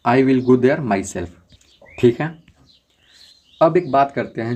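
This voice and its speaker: A man's voice: medium pitch, a little mellow. Man teaching grammar, questions and answers. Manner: explains step by step, asks and answers his own questions; slows down to spell out English example sentences. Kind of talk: Hindi grammar lesson with English examples.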